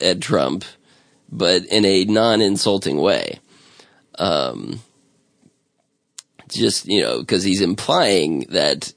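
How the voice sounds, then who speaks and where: A man's voice: sits low, creaky, fairly bright tone, dry recording. A man hosting a casual podcast chat, talking in a rambling, amused way with many restarts. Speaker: podcast host.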